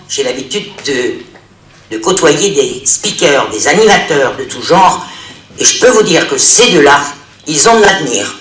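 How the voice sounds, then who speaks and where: A man, a local elected official, giving a formal, praising speech at a public event, halting and restarting as he speaks. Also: a little high, bright, forceful tone, recorded from a distance. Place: large hall with an audience. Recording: echoey hall recorded from afar.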